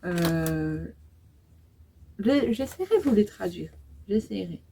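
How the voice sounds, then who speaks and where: A woman's voice: medium pitch, animated, slow pace, gravelly, warm tone, a little hiss or hum, rough recording. Chatty young woman doing a makeup tutorial. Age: 20s. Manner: chatty, hesitant, many fillers while applying makeup. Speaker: beauty vlogger.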